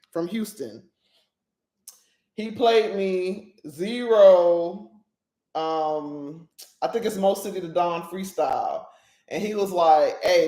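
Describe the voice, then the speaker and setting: A woman with a lowish, mellow voice hosts a casual solo podcast in an echoey room. She talks emphatically, often checks in with her listeners, and laughs at her own jokes.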